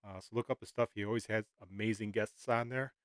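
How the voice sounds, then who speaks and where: Low-voiced man musing with many pauses. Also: steady tone, no room sound. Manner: hesitant, many "uh"s. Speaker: reaction video host. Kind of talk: casual commentary.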